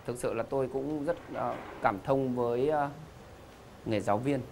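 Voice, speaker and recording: A man's voice: medium pitch, normal speed, gravelly, darkish tone, slight background noise. A middle-aged man hosting a game show, with joking, teasing banter and theatrical emphasis. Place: TV studio stage.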